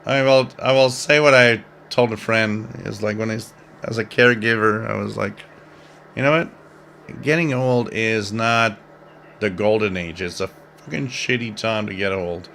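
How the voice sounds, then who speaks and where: Speaking unhurriedly with vocal fry, a man in his fifties runs a shortwave radio livestream, rambling and joking as he reads out what viewers wrote. His fairly low, fairly bright voice comes with a little hiss or hum.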